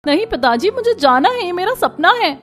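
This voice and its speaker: A woman's voice: high-pitched, fairly quick, natural voice. A woman voicing a spirited, headstrong young daughter in a cartoon, eager and pleading. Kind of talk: cartoon voice acting.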